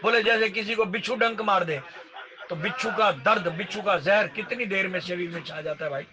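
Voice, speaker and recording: A man giving a devotional storytelling sermon, chanting verses slowly and explaining them in lively speech. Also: high voice, lo-fi sound, a crowd in the background. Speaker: Ram Katha storyteller.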